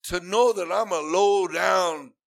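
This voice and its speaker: A man's voice: sits high, slow pace, creaky, dry recording. A man preaching a sermon in an earnest, repetitive way that rises into emphatic bursts.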